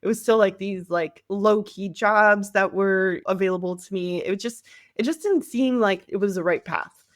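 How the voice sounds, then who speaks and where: An American woman from near Cleveland, CEO of a marketing agency, speaks at normal speed with a medium pitch on a podcast. The studio-quality sound has no echo, and she tells her story candidly, often acting out what people said to her.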